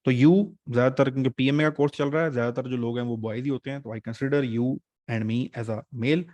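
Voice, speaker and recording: A male teacher runs an online exam-prep class in a chatty, joking way. His voice sits at an ordinary middle pitch and is recorded dry and close on a desk mic, with no room sound. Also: steady tone, a little fast, a little mellow, no room sound. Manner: chatty, joking teacher mixing English terms.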